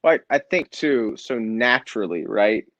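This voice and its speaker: In a lo-fi recording without echo, a man with a medium-pitched, fairly bright, expressive voice talks at normal speed. He's the founder of a nonprofit and author of a book, speaking earnestly and reflectively in an interview with frequent restarts.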